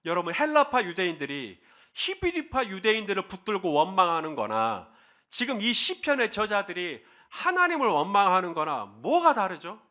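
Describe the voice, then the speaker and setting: Male pastor, sermon; high, bright, very lively delivery; leads call-and-response reading, dramatic and impassioned. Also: normal speed. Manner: impassioned, acts out quoted cries.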